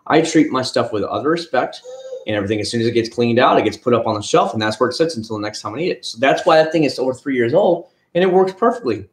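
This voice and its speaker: A man from Florida hosts a casual livestream, wandering from topic to topic and retelling what he told people. His voice sits at an ordinary pitch. The sound has a noticeable room echo. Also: animated, fast talker. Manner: rambling, chatty, retells conversations. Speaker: livestream host. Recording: echoey room.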